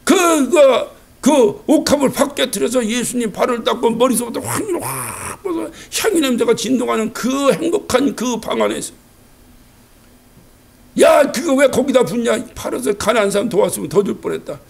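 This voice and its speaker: A male pastor delivering a Sunday sermon in a church, animated, asking rhetorical questions and acting out quotes. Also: extremely high pitch, a little fast, vocal fry, hardly any pauses. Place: church sanctuary.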